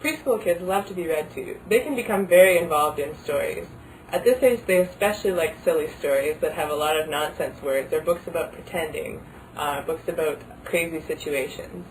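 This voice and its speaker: A woman's voice: low-pitched, moderate pace. A woman giving explanatory advice to parents as an early literacy advisor. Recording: slightly distant mic, faint background noise.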